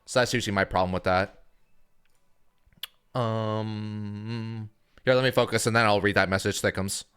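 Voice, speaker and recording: A man's voice: on the low side, normal speed, smooth. A young man casually chatting to his live-stream audience, rambling loosely with lots of filler words. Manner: relaxed rambling with many "like" fillers.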